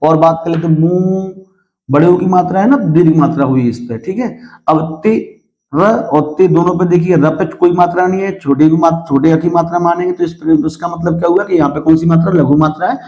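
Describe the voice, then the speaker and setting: A man teaches a grammar lesson in a fairly high but mellow voice, calling his students "beta" and pausing often to check that they follow. He poses questions and answers them himself, and recites verse lines slowly and deliberately. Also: lo-fi sound. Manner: addresses students as "beta", checks with frequent "theek hai". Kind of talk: classroom-style lesson.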